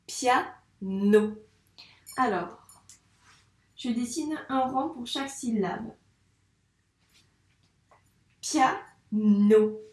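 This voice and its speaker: Slow, patient woman teaching phonics. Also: fairly high pitch, roomy sound. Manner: patient, repeats sounds slowly and asks questions to a child. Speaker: primary school teacher. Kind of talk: phonics lesson for young children.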